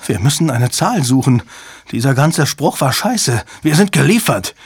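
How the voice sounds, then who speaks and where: A man voicing a large, excitable male systems chief who talks bluntly and crudely and shouts when panicked. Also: medium pitch, moderate pace, breathy edge, no room sound, clean studio sound, voice pushed up, full character voice.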